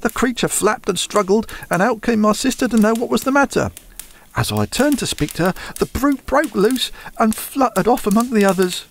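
A man's voice: high voice, lively intonation, moderate pace, creaky, a little hiss or hum. A man playing a frightened young thief who confesses in a desperate, pleading way in a radio drama. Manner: desperate, pleading, breaking into sobs.

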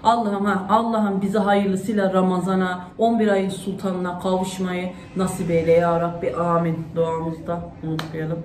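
A woman's voice: on the low side, level tone, moderate pace, few pauses, darkish tone. Emotional woman vlogger, echoey noisy room. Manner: emotional, voice breaking at times between tears and laughter. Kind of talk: personal prayer and heartfelt chat. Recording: echoey room with noticeable background noise.

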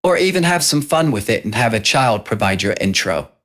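A man hosting a casual software tutorial, explaining step by step. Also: medium pitch, very animated, a little fast. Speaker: tutorial host.

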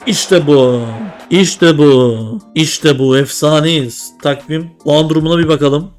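A man's voice: on the high side, steady tone, slow pace, darkish tone, faint music behind. A young man commentating a mobile football game, groaning at setbacks and cheering at goals as he talks to himself. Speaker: gaming video creator. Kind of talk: excited gameplay commentary.

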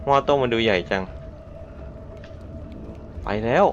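A man reacts to a horror game as he plays, talking quietly and tensely to himself. His voice sits at an ordinary male pitch. He jumps into sudden startled yelps, and the recording sounds dull and lo-fi with a faint hiss behind it. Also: slow pace. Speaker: gameplay streamer. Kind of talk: live reactions while playing a horror game.

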